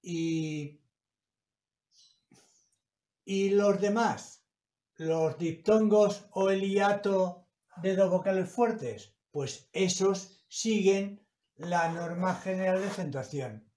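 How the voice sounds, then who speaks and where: A man teaching a grammar lesson, explaining slowly and stretching out the example words. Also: high voice, warm tone. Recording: echoey room.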